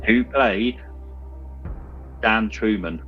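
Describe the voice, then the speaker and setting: Reading quiz questions about movies, this casual host speaks on the low side and draws out his words. He has a speech trait of saying W for R. Music plays behind him in a dull, lo-fi recording.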